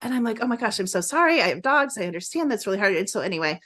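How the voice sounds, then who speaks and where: Middle-aged woman, podcast guest; effusive, rambling storyteller, mid-pitched. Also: very animated, rapid-fire, fairly bright tone. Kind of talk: casual conversation.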